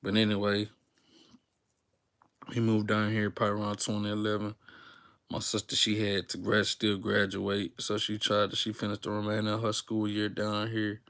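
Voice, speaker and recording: On a live stream, a young man from Texas talks casually and off the cuff to viewers as a YouTuber. His delivery rambles, packed with slang, fillers and restarts, in a smooth, lowish voice at a moderate pace.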